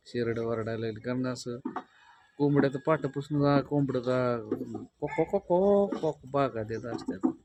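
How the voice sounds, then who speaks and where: A chatty, teasing man talks at a middling pitch, with an easy, rustic way of speaking. He is recorded outdoors at a village home, and faint noise sits behind his voice. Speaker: village vlogger. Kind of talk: casual vlog chat.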